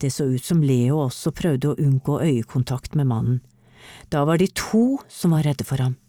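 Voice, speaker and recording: A woman reading a children's storybook aloud in a clear, steady way. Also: extremely low pitch, dry recording, studio quality. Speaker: narrator.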